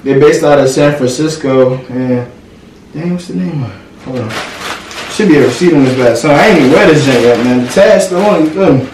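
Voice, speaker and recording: A man's voice: a little high, brisk, far from the mic. A young man hosting a casual haul vlog from his room, laid-back and slangy, always asking if you feel him. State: out of breath. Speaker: vlogger. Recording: echoey room, off-mic, faint hiss.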